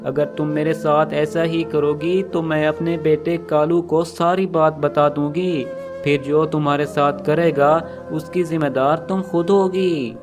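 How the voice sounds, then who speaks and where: A man playing a frail old crow mother. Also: fairly high pitch. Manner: pleading and plaintive.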